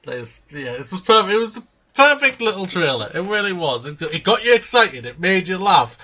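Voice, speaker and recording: A man co-hosts a loose movie news podcast. His voice is bright and a touch high. He talks animatedly, swears freely and laughs easily. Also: big pitch swings, a little fast, dull audio. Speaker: podcast co-host. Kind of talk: casual movie news chat.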